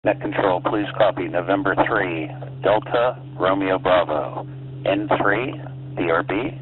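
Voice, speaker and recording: A man checking in to a ham radio net, slowly spelling out his call sign, heard over a two-way radio transmission with static. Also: low-pitched, phone-quality sound.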